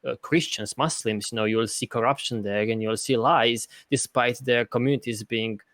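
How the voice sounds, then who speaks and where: An earnest Romanian podcast host makes his case in a casual discussion, stopping and starting as he thinks out loud. His medium-pitched voice sits in an ordinary middle register, slightly bright, with fairly even intonation. The sound is close and dry, with no echo.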